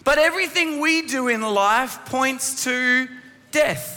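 A man preaches slowly to a congregation in a church hall, his very high voice bright and forceful yet strained by laryngitis. His tone is instructive, and he poses rhetorical questions. The recording carries the hall's reverberation.

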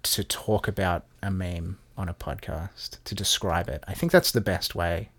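A man co-hosting a podcast, his voice sitting on the low side. He talks casually and at length, swears often and keeps restarting his sentences. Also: steady tone, normal speed, a bit bright. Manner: sweary, rambling, lots of restarts. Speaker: podcast co-host.

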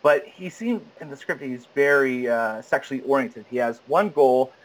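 A man in his thirties, an actor chatting as an interview guest, animated, laughing often and slipping into voices. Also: mid-range voice, moderate pace, rough recording. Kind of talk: casual interview chat.

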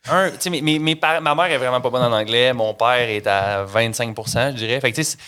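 A man's voice: mid-range voice, fairly quick, pushed and bright, clean tone. A man with a Québécois French accent, a podcast guest chatting casually and laughing often. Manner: laughs often, stumbles through English. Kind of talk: casual interview chat.

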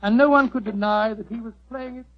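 High-voiced, fussy Doctor Watson. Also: male voice, brisk. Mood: storytelling. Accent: English. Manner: fussy, bluff, exclamatory storyteller. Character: genial, easily astonished English doctor, the detective's companion. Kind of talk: old-time radio narration and drama. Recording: noisy, dull vintage radio recording.

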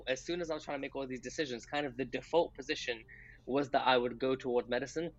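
Young man, quick chatty podcast guest, dull muffled remote audio. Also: mid-range voice, steady tone. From Pakistan, raised in England. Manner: quick, chatty, laughs often. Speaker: guest doctor. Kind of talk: casual podcast interview.

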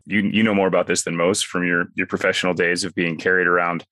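A man hosts a podcast in a casual, conversational way from inside a small closet. He talks very quickly in a slightly low voice. The closet makes the sound dry, with no room echo. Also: little pitch movement, bright, forceful tone. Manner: informal, chatty. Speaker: podcast host, company co-founder. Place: inside a small home closet used as a soundproof booth, sitting on the floor.

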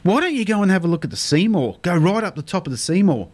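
A man's voice: high voice, very animated, fast talker, a little mellow. A man with an Australian Queensland accent hosting a casual fishing phone-in, matey and jokey in his talk. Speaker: radio show host.

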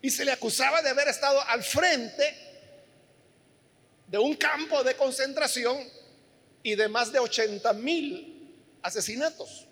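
A man's voice: very high voice, measured pace, pauses often, a bit bright, long reverb tail. A man preaching a sermon, telling a story earnestly and speaking directly to his listeners.

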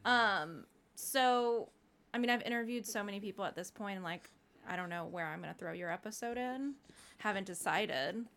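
A woman's voice: mid-range voice, fairly bright tone. Chatty young woman hosting a podcast. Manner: chatty, laughing, quick asides. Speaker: podcast host. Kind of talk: casual interview chat. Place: home room with a dog.

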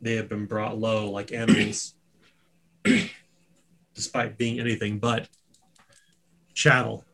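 A solemn forest-dwelling elder, put on by a man running a tabletop game, speaking in measured, ominous tones. The voice sits slightly low and stays unhurried and grave, as if guarding old secrets. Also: flat delivery, fairly bright tone, heavily acted.

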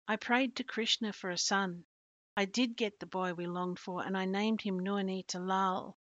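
An earnest young girl, as a woman storyteller reads her speaks in a quiet, pleading way. The sound is dull and lo-fi, close and dry. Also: mid-range voice, fairly even intonation, normal speed, no room sound, close to an everyday voice. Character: young girl recalling a past life, earnest.

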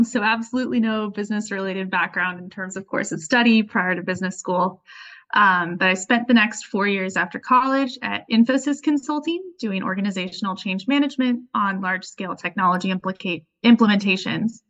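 A woman's voice: mid-range voice, brisk, a bit bright, rough recording. A woman in her late twenties from Southern California, a student guest talking in an upbeat, earnest way. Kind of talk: conversational interview.

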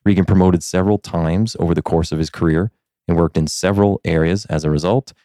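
A man's voice: low-pitched, fairly even intonation, fairly quick, warm tone, no echo, studio quality. A man hosting a podcast, introducing his guest and asking friendly, easygoing questions with plenty of fillers. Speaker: podcast host. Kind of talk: conversational podcast interview.

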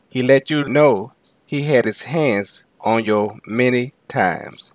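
A man voicing a sly, boastful male devil who gloats about his lies, speaking slowly and smugly in a dry, close recording. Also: mid-range voice, no room sound.

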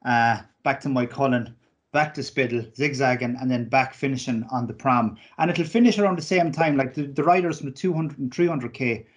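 Irish male interviewer, medium pitch. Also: brisk. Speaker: interviewer, host. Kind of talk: conversational interview.

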